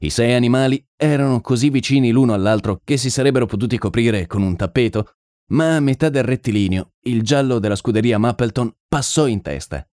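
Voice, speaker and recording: A man narrating a detective story in a measured audiobook reading. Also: mid-range voice, a little mellow, no room sound, studio quality. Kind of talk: scripted narration.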